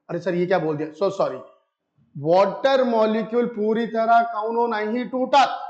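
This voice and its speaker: An Indian man giving a chemistry lesson, asking his students questions and answering them himself, and saying key terms slowly. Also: high voice, darkish tone. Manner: mixes Hindi with English terms. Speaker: chemistry teacher. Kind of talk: classroom lecture. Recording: echoey room, slightly dull sound.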